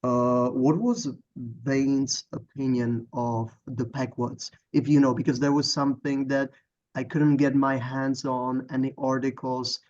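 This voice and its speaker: Czech student, flat delivery, halting, dull call audio. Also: male voice, medium pitch. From Czech Republic. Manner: halting, searching for words, apologetic. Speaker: student asking a question. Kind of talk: audience question on a video call. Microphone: video call.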